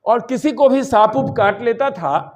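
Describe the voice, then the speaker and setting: Extremely high-pitched and animated, though a little slow, this older Bihari vice-chancellor delivers a public lecture at a seminar. He wanders from story to story and drops English phrases into his talk.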